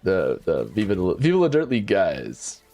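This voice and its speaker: A man hosting a casual developer Q&A stream while playing, talking in a lively way and often repeating words and restarting his sentences. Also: sits low, normal speed, faint music behind. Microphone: desk mic.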